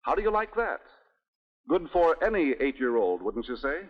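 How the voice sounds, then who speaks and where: A man's voice: a little high, big pitch swings, moderate pace. An American man narrating a scripted 1960s newsreel in the presentational manner of an old newsreel narrator, with rhetorical asides. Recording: dull 1960s newsreel soundtrack, reverberant.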